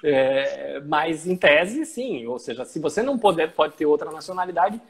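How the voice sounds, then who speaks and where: A man with a Brazilian accent explaining legal points in conversation, pausing often with fillers as he searches for words. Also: fairly high pitch, animated, breathy edge. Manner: explanatory, hesitant with frequent fillers.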